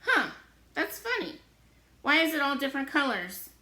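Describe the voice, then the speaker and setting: A woman's voice: high voice, very animated, moderate pace, pushed and bright, pitched above the performer's own voice, exaggerated voice. Woman doing a curious wisecracking boy. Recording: roomy echo.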